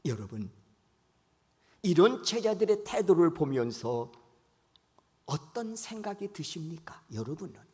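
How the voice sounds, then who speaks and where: A man's voice: on the high side, big pitch swings, a little slow, long pauses, warm tone. A man preaching a sermon as pastor, questioning his congregation and acting out the lines he quotes. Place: church sanctuary. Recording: long church hall reverb.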